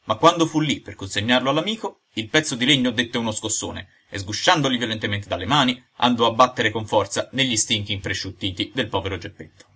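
A man reading a classic tale aloud in lively scripted narration. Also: lowish voice, fairly quick, hardly any pauses, slightly rough. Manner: lively storytelling delivery. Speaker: audiobook reader.

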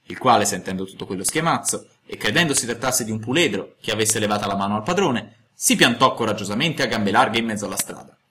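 Audiobook narrator, male, bright tone, very animated intonation. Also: fairly low pitch, slight background noise. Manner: expressive, storytelling cadence. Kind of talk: audiobook reading of a classic tale.

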